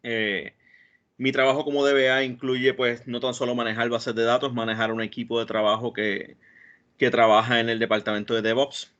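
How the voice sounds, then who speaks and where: A man's voice: medium pitch, little pitch movement, normal speed, fairly bright tone. A man from Rico, a database administrator giving an online technical talk, hesitant and full of fillers and restarts. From Puerto Rico. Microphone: computer mic on a video call. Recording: dull lo-fi video call audio.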